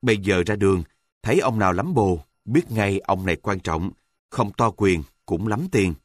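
A man telling an earthy, humorous first-person story with a wry, deadpan delivery. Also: fairly low pitch, normal speed, dry recording, clean studio sound.

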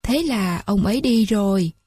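A woman voicing a weary old male frog elder who grumbles in a booming, gloomy way. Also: expressive, moderate pace, mellow, slightly rough. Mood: grim.

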